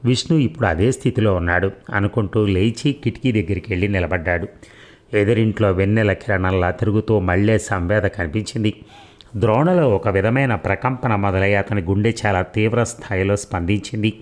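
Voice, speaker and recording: Male audiobook narrator, low voice, measured and reflective. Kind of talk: audiobook story reading.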